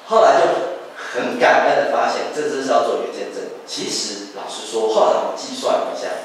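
Male pastor, mid-pitched voice, telling an animated sermon story, booming church hall reverb, heard from a distance. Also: a little fast, gravelly, a little hiss or hum. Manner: storytelling, animated, acts out quoted family talk. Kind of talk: sermon testimony. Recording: echoey church hall, mic far off.

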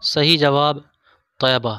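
Man, quiz host, scripted narration, sharp bright tone, smooth clear voice. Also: on the high side, steady tone, no room sound, faint music behind. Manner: reads each question, pauses over the options, then states the answer.

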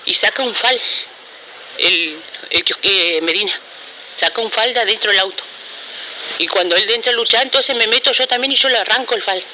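In noisy outdoor news footage from a courtyard beside a building, a middle-aged Argentine-accented woman, the victim's aunt, recounts what happened in a street interview. She speaks urgently and repetitively, restarting often, at a normal speed in a medium-pitched, pushed and bright voice.

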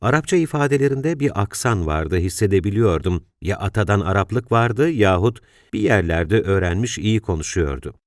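A man reading an audiobook in a calm, measured storytelling voice. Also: lowish voice, no echo, studio quality. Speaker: audiobook narrator. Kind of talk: scripted audiobook narration.

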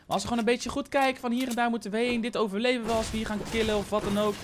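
Excitable young man gaming, high voice. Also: rapid-fire, background noise. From Netherlands. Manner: excitable, sprinkles English slang and swearing. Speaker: gaming YouTuber. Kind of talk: let's play commentary.

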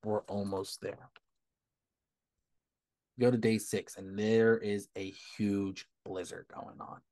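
Low-voiced man recapping a comic. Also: flat delivery, measured pace, dark tone, no room sound. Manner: retells scenes plainly, quotes dialogue in a low subdued tone; reads passages aloud with occasional fillers. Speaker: book club podcast host. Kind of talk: casual comic book recap.

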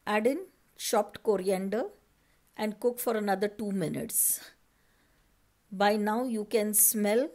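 With a warm, mid-range voice, an Indian woman who runs a cooking channel talks viewers through a recipe over her own footage, going slowly and explaining each step in turn.

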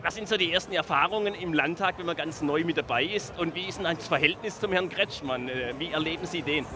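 Holding a handheld reporter mic, a middle-aged man who hosts a TV talk show keeps a live panel lively in a crowded festival beer tent. He speaks a little fast with a slightly high voice, over music and the background noise of the busy tent.

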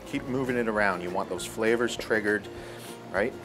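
A middle-aged male chef talks through a cooking demonstration in a restaurant kitchen, relaxed and explanatory, using fillers. His voice is on the low side at normal speed, heard over music.

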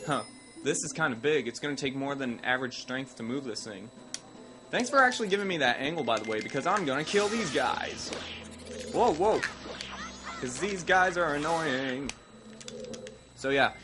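Hosting a let's play, a young Midwestern American man who is sick and coughing rambles through casual gameplay talk, tossing in self-mocking asides. He speaks at medium pitch, expressively, at a moderate pace, pausing often, with game music loud underneath.

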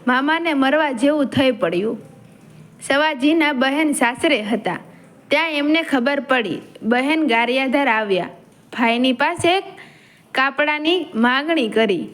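A woman storyteller narrating a folk tale in a measured, dramatic way. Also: high voice, animated, fairly bright tone.

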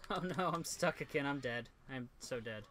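Bright, excitable young man gaming. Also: mid-range voice, moderate pace, slight background noise. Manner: excitable, reacts loudly to the game. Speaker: let's play co-host. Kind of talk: casual gameplay chat.

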